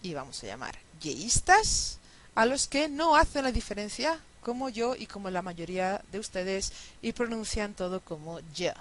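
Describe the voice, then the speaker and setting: A woman's voice: medium pitch, very animated, a little hiss or hum. A woman teaching a phonetics lesson, repeating example words carefully and checking in with her students. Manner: deliberate, checks in with listeners. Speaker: language teacher. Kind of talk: recorded lecture on Spanish phonetics.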